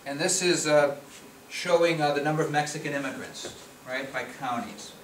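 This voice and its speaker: In a slightly high voice at a moderate pace, a middle-aged man from the Chicago area gives a conversational slide talk as a policy researcher in a conference meeting room. He often restarts and repeats words. The audio is far-off, echoey, and noisy.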